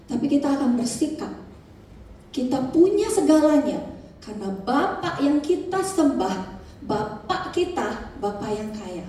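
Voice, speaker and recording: A woman's voice: high voice, sing-song, a little slow, dark tone, a little hiss or hum. A woman preacher giving a sermon, telling personal stories in a conversational, emotive way. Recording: echoey hall, distant mic.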